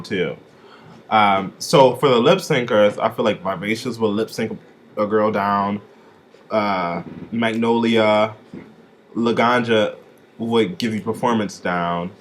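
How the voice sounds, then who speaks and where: A young man from Chicago giving a casual, sassy vlog review, with swooping, expressive emphasis on his catchphrases. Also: lowish voice, a little slow, slight background noise. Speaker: vlogger reviewing drag contestants.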